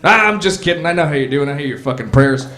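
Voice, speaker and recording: A man playing God as a casual buddy who asks favors in offhand, chummy mumbles. The voice sits a little high. A big echoing club room rings around it. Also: lively intonation, fast talker, crowd noise.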